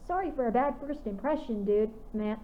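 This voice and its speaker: A woman's voice: a little high, normal speed, a little hiss or hum, lightly acted. A woman doing a bashful young wolf boy. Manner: bashful, fumbling apologies. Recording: tinny phone-like audio.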